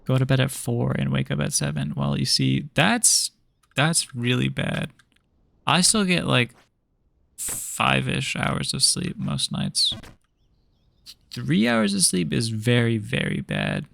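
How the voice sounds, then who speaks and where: A man's voice: mid-range voice, sing-song, slow pace, creaky, fairly bright tone. A young man streaming a game, chatting casually with viewers in a laid-back, rambling way full of fillers and restarts. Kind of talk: casual chat while gaming.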